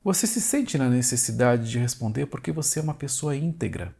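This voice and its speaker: A man gives a direct-to-camera talk on family communication. His voice is gravelly, husky and dark, and he builds his points from short phrases that repeat and address the viewer directly. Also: medium pitch, animated, fairly quick.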